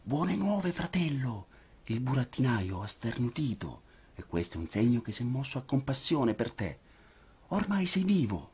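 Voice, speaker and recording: A man voicing a male puppet clown in a whispered role-play, speaking in a soft, hushed way. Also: medium pitch, very animated, moderate pace, husky, voice pushed up, exaggerated voice.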